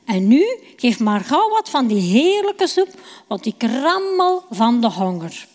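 A woman's voice: a little high, sing-song, takes it slowly, darkish tone. A woman voicing a tired, hungry young hunter who pleads impatiently for food. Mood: pleading. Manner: pleading, whiny, eager. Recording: reverberant hall.

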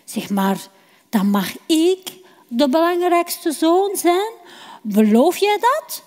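A woman's voice: very high voice, big pitch swings, takes it slowly, darkish tone, full character voice. Woman doing a coaxing scheming brother. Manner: coaxing, bargaining. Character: scheming younger brother, calm shepherd. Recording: reverberant hall.

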